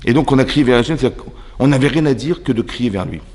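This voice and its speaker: A French-accented man teaches a religious class in a seminary classroom, his voice sitting in a middle register. He is animated, pressing his listeners with question after question. The sound carries a long reverb from the hall. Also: mid-range voice, fast, husky. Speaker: rabbi teaching a women's class. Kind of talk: religious lesson.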